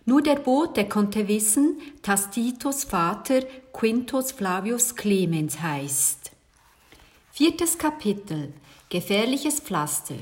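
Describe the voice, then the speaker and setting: A woman narrating a children's story in a clear, measured storytelling manner. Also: medium pitch. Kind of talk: children's audiobook reading.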